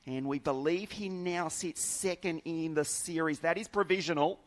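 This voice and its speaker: Enthusiastic male lead commentator, live race call, slightly raised pitch. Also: moderate pace. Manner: enthusiastic, chatty, laughs easily.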